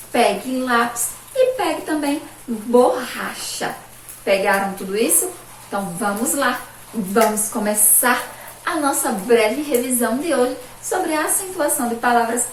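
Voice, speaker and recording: A woman's voice: a little high, distant mic, slight background noise. A Brazilian Portuguese teacher woman giving a remote lesson to children, cheerful, drawing out syllables and asking pupils sing-song questions. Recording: echoey room, voice from off-mic.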